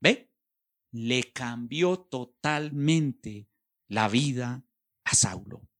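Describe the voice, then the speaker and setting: Man, preacher mid-sermon, impassioned, unhurried delivery with sudden loud bursts and quiet pleas. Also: mid-range voice, animated. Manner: impassioned, swinging from loud exclamations to hushed pleas.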